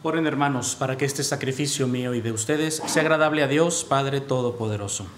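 A male priest leading the prayers of a Mass with steady, solemn recitation, his voice carried by the echo of a large church. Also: mid-range voice, a little fast, a crowd in the background. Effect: cathedral echo. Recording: echoey church with faint background hiss.

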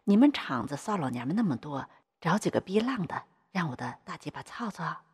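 有声小说里一个粗鲁跋扈的中年男行长，由一位女性朗读者演绎。声音偏低、起伏很大，嗓音沙哑带气声，整体笼罩在长长的大厅混响里。. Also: female voice, low voice, very animated, a little fast, husky, big-room sound, exaggerated voice. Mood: domineering. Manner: vulgar, bossy, swaggering. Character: crude, coarse-mouthed middle-aged male bank official.

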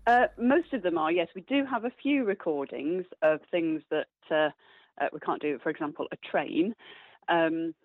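Heard over a phone-like line with a narrow band and no echo, this woman speaks at normal speed in a voice on the low side. She's an interview guest, a stage actor, whose answers come across as cheerful and thoughtful.

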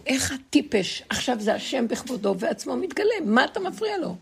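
A middle-aged woman giving a spiritual lesson to a group, telling stories in a lively way and laughing between points. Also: sits high, creaky, breathy edge. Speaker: religious teacher.

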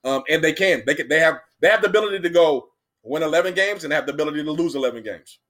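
A man's voice: a little high, rapid-fire. A young man co-hosting a sports podcast, rambling and repeating himself as he argues his predictions. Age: young adult. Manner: rambling, repeats himself, animated when arguing. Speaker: podcast co-host. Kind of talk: casual sports debate.

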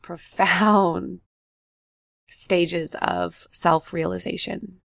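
A young woman hosts a solo podcast from her apartment, where road noise drifts in from outside, though the recording itself sounds clean and studio-like with no room echo. Her voice is lowish, steady, creaky and fairly bright, a little nasal from the flu. She reflects on her life in a candid, unhurried, personal storytelling way.

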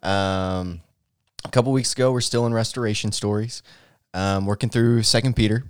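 A man with a lowish voice co-hosts a church podcast, chatting casually and joking with his partner. The sound is dry and close to the mic, with no room echo. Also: steady tone, normal speed, smooth. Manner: playful, joking banter. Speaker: podcast co-host. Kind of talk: casual chat.

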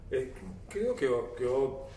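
A man in his forties, a native Spanish speaker with an Argentine accent, talking casually as an interview guest, haltingly searching for words and switching between languages. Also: medium pitch, sing-song, dark tone. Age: 40s. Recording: roomy echo, distant mic, faint noise.

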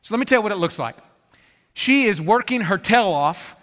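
A man preaching to his congregation in a church auditorium. His voice sits high and sounds bright and forceful. He talks in an easy, conversational way and acts out small everyday scenes with humor, and the sound carries the long echo of a big hall. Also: animated, brisk. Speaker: pastor. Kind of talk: sermon. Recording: long reverb of a large hall.

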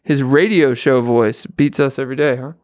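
A man's voice: mid-range voice, moderate pace, darkish tone, no echo, studio quality. A man co-hosting a casual podcast, upbeat and welcoming as he runs the show. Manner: upbeat, welcoming host patter. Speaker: podcast co-host.

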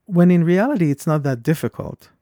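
Here a man co-hosts a podcast, his accent foreign but its origin not given. His fairly high voice moves a little quickly as he reflects in an earnest, thoughtful way, livening up when a story comes along; the audio is studio quality with no room sound.

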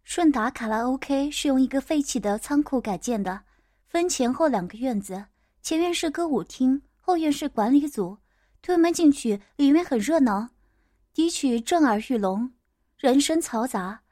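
High-voiced woman narrating a story. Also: lively intonation, normal speed, dark tone, no echo, studio quality. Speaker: audiobook narrator. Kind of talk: first-person story narration.

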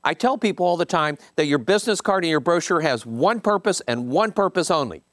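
In a fairly high, slightly bright voice, a business coach speaks expressively and a bit quickly to his group. He reads excerpts from a book, adds commentary, repeats key ideas, and checks in with the room, all in a casual tone. The studio recording is clean, with no room sound.

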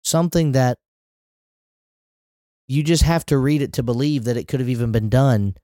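A man's voice: mid-range voice, steady tone, moderate pace, mellow, dry recording, clean studio sound. A man preaching a sermon in a conversational way, with rising emphatic asides.

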